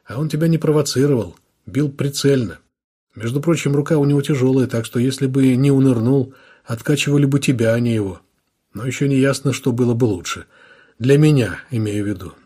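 A man voicing a gruff, easygoing police detective who grumbles in street slang, in an audiobook. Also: medium pitch, fairly quick, warm tone, close to an everyday voice. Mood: gruff, offhand. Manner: grumbling, colloquial.

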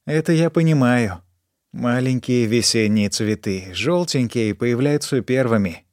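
A man's voice: unhurried, darkish tone, no echo, clean studio sound, natural voice. A man voicing an erratic, stoned young woman in an audiobook, rambling and repeating herself. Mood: dreamy. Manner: shrill outbursts, rambling repetition. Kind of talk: audiobook character voice.

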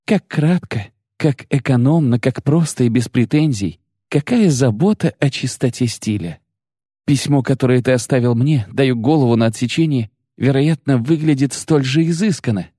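A man reading an audiobook, voicing a proud, sharp-tongued sorceress who speaks with biting, bitter mockery. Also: medium pitch, lively intonation, moderate pace, husky, no echo, studio quality, voice pushed up. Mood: scornful. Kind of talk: audiobook character voice.

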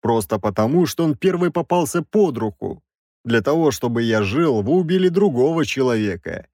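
A man voicing a cold, stern six-armed male creature who speaks in a measured, ironic way in an audiobook. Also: medium pitch, lively intonation, a little mellow, no echo, studio quality, lightly acted. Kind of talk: audiobook character voice.

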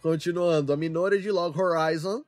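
Man, Brazilian Portuguese accent, podcast host, laid-back slangy chat, high voice. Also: fairly even intonation, moderate pace, faint music behind. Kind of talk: casual chat.

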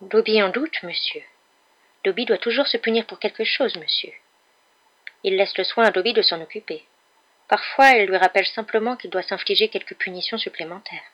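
A woman voicing a small male house-elf with a high, squeaky, humble voice, servile and tearful, in an audiobook reading. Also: moderate pace, lo-fi sound, close to an everyday voice. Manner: humble, overexcited, sobbing outbursts. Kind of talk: audiobook character voice.

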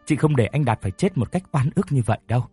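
A man's voice: mid-range voice, animated, fast, warm tone, breathy edge, dry recording, soft background music. A man voicing a tearful young woman who is full of guilt, speaking in a choked, apologetic way. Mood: resolute.

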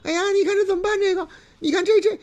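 Man putting on a frantic young woman, pitched way up, stammering and loud. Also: steady tone, rapid-fire. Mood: panicked. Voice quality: high, breathless stammer. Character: flustered plump young woman, stuck and panicky.

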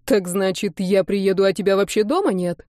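A woman's voice: medium pitch, moderate pace, dry recording, studio quality, lightly acted. A woman voicing a cheerful, teasing young man on the phone to his bride in an audiobook. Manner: playful, calm teasing. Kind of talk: audiobook character reading.

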